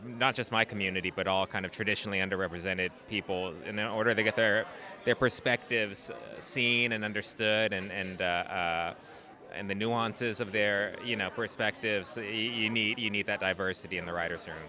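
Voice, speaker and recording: A man giving a red carpet interview, speaking haltingly and repeating words as he searches for phrasing. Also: on the low side, fairly even intonation, bright, forceful tone. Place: red carpet at an awards event.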